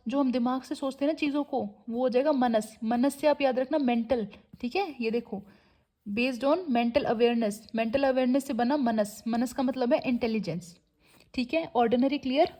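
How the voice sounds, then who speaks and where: High-voiced woman teaching a lecture. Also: darkish tone. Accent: Indian English. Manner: repeats "ठीक है" as a tag, reads English definitions slowly. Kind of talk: exam-prep lecture.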